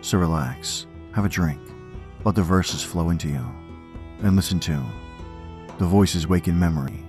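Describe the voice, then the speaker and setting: A man's voice: sits low, moderate pace, darkish tone. A man narrating as a horror host, scripted and playfully macabre, teasing the listener. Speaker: host of a horror storytelling podcast. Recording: music under the voice.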